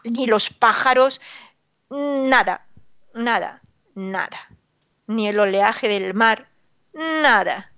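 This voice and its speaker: A woman's voice: on the high side, a bit bright, no echo. A woman giving a radio sermon to listeners, emphatic and admonishing, repeating words and asking rhetorical questions in a sorrowful tone. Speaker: religious radio speaker.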